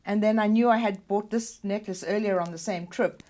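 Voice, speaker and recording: A woman's voice: medium pitch, fairly even intonation, fairly quick, dark tone. An older woman with a South African accent, a guest chatting easily and telling stories in an interview. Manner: chatty storyteller who laughs easily. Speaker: guest, film editor and producer. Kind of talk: casual interview chat.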